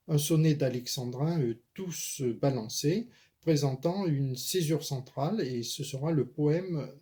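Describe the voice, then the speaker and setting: Guy lecturing on poetry, slow and careful, lots of ums, kinda high but mellow voice. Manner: measured, explanatory, with frequent hesitation fillers. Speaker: poetry lecturer and author-declaimer. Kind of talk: spoken lesson on verse.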